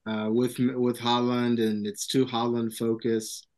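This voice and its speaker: A man hosts a loose, casual football discussion among friends. His speech is informal and slangy, and he circles back over the same phrase to drive a point home. His pitch sits in an ordinary middle range. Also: level tone, unhurried, darkish tone. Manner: slangy, repeats phrases for emphasis. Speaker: sports podcast host.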